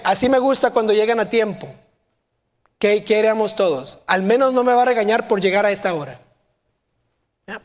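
High-voiced man preaching in a reverberant hall. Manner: rhetorical questions to the audience; shouting impressions of a drill sergeant. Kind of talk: sermon.

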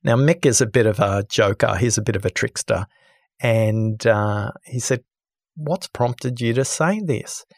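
Podcast guest guy, low gravelly voice, animated storyteller doing the voices, dry close mic. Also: a little slow, dry recording. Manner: lively, acts out the people in his stories. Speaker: podcast guest, listening expert.

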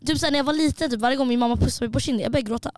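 A young woman co-hosting a podcast in casual chat, telling animated stories, acting out quotes and mixing in English words. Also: sits high, noisy background. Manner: animated storyteller, acts out quotes, mixes in English. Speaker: podcast co-host.

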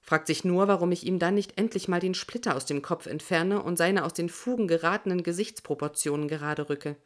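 Audiobook narrator: woman, slightly low pitch, measured, tense first-person read.

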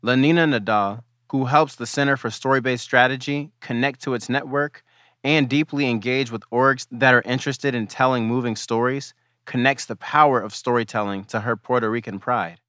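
A male host reads scripted narration in a measured, deliberate way. His tone is bright and forceful. The recording is close and dry, with no room sound. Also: medium pitch, fairly even intonation, dry recording.

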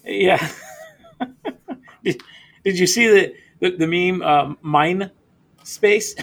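A man's voice: high voice, expressive, takes it slowly, creaky, a bit bright, breathy edge. A man hosting a casual beer podcast, rambling with stammered restarts and laughing often. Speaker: podcast host.

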